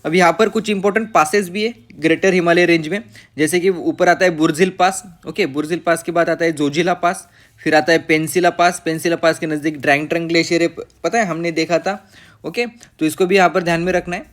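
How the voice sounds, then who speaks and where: A man teaching geography from a map for exam students, pausing with fillers and saying "okay" after nearly every point. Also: fairly high pitch, steady tone. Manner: repeats "okay" after nearly every point, mixing English terms into Hindi; pauses with fillers and self-corrections while reading the map. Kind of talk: map-based lecture.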